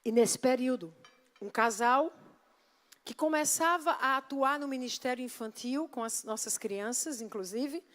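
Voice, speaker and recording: High-voiced woman preaching. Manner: emphatic, with rhetorical questions to the congregation. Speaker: pastor. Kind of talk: sermon. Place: church.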